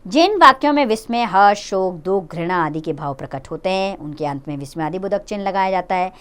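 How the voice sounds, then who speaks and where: A woman's voice: on the low side, lively intonation, brisk, a bit bright, clear, resonant tone. A woman with a Hindi accent teaching a grammar lesson to children, friendly and explanatory, speaking to them directly.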